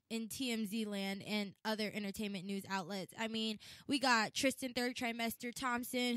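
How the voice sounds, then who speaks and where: A chatty woman hosts a talk show with a slightly high voice. She laughs easily and now and then restarts a phrase. The sound is dry and close. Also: a bit bright, no room sound. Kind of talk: casual chat.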